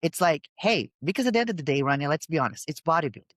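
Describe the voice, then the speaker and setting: A woman's voice: sits low, racing, no room sound. Emphatic woman host, very dry sound. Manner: emphatic, animated, restarts mid-sentence. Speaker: podcast host and bodybuilding coach. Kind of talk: casual podcast conversation.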